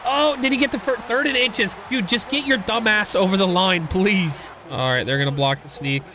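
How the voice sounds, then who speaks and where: A young man giving casual, excitable commentary while playing a football video game, rambling and reacting loudly to big plays. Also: high-pitched, normal speed, background noise. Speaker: gaming YouTuber.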